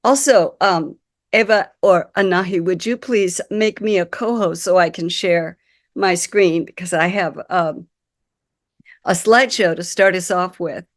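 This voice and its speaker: A woman with a croaky, nasal voice from a cold, giving a webinar talk as a guest speaker over a video call, apologetic and clearing her throat. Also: on the low side, measured pace, no room sound, studio quality. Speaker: guest speaker, community consultant.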